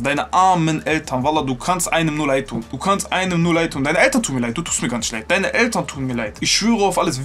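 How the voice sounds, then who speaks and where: Indignant man lecturing in a reaction commentary. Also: fairly high pitch.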